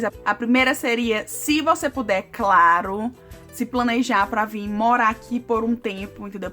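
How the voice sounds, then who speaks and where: This young Brazilian vlogger's voice is on the high side with a fairly bright tone, and her Brazilian Portuguese accent comes through as she casually chats to camera. Frequent "né" and "sabe" pepper her speech, and she calls her audience "gente."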